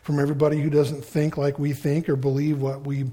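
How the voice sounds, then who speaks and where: A man's voice: fairly high pitch, completely flat delivery, fairly quick, mellow, slightly rough. A middle-aged male pastor preaching a conversational, folksy sermon with storytelling asides.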